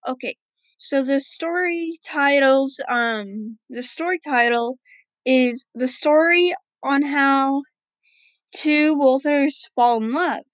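High-voiced woman telling a homemade story. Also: no echo, poor audio. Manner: hesitant, many ums. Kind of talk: casual homemade story narration.

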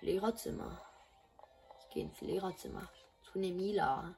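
A woman's voice: fairly low pitch, normal speed, gravelly, darkish tone, soft background music. A woman commenting on a video game she is playing, with impatient, grumbling asides. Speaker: gamer. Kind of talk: let's play commentary.

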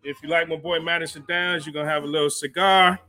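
A man's voice: a little high, steady tone, quick pace. A man hosting a live stream show in a casual, laid-back way, greeting viewers by name and using easy slang. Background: jazz music playing softly.

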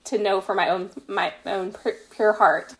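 A woman guest on a podcast, a fan fiction author, tells stories in casual conversation, self-deprecating and often quoting exchanges. Her mid-range voice is steady, a bit bright and a little slow, and the audio is poor.

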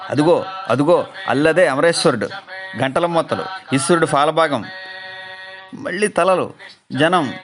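A man reading a story aloud in a measured, expressive way, with music behind him. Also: a little high.

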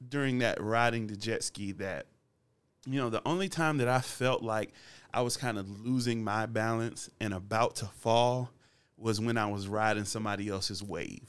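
Podcast host guy, low smooth voice, easygoing, chuckles a lot. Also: moderate pace. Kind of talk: casual faith-based podcast chat.

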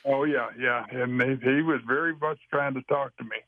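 A man telling a long story as an interview guest, rambling and halting with frequent restarts. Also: medium pitch, steady tone, no echo. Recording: dry, tinny phone line.

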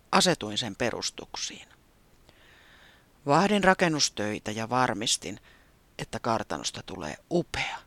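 Ancient storybook manor spirit, low, slow, half-whispered, voiced by the narrator. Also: a bit bright, no echo.

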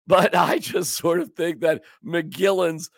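A man's voice: a little high, steady tone, takes it slowly, vocal fry, dry recording, studio quality. A man hosting a casual sports podcast, joking and rambling as he chats with his co-host. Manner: joking, rambling, does silly voices.

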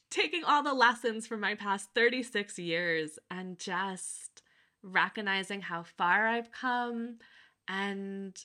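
Woman in her 30s, bright voice, chatty and reflective, lots of "like" and little laughs, podcast co-host. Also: medium pitch. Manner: reflective, laughs often, many fillers. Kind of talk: casual chat.

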